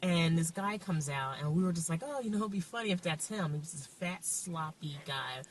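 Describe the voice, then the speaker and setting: A woman in her thirties, speaking in a documentary interview, hesitant with many pauses and fillers. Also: low-pitched, expressive, slight background noise. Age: 30s. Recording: distant mic with faint music.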